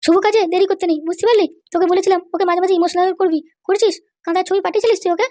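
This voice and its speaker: A woman's voice: very high voice, steady tone, very fast, mellow, no echo. A woman voicing a bossy cartoon mother who scolds her husband. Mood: scheming. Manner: nagging, scolding. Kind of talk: cartoon voice acting.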